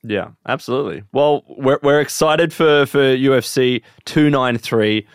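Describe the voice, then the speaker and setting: A man's voice: medium pitch, measured pace, clean tone, dry recording, clean studio sound. A man hosting a casual podcast, upbeat and leading the talk with questions. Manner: upbeat, asks guest questions. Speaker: podcast host.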